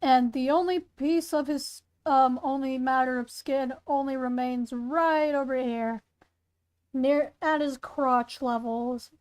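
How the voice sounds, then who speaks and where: A woman's voice: high-pitched, fairly even intonation, slow, darkish tone, clean tone. A young woman casually reading her own story aloud, rambling and correcting herself as she goes. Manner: rambling, self-correcting, chatty. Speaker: storyteller and content creator.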